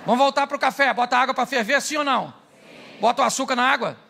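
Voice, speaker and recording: A man's voice: very high voice, fast talker, creaky, pushed and bright, slight background noise. A middle-aged Brazilian man preaching a humorous sermon, telling stories, acting out dialogue and asking his listeners questions. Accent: Brazilian Portuguese. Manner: jokey, acts out dialogue, asks the crowd "sim ou não?". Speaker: pastor.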